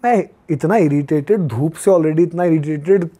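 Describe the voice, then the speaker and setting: A man's voice: on the high side, normal speed. A man in his twenties from Uttar Pradesh, a podcast guest telling a story casually and acting out the lines people said to him. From Uttar Pradesh, India. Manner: lively retelling that acts out quoted dialogue. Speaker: podcast guest, long-distance pilgrim walker.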